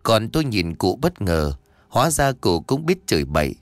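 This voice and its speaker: Low-voiced man narrating a story. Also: big pitch swings, moderate pace, no echo. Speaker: audiobook narrator. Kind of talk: first-person story narration.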